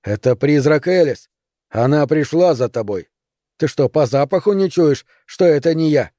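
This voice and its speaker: A man's voice: fairly high pitch, expressive, normal speed, dark tone, no echo, studio quality, natural voice. A man voicing an urgent young man who gives orders. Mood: level. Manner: urgent, commanding. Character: urgent, bossy young man taking charge.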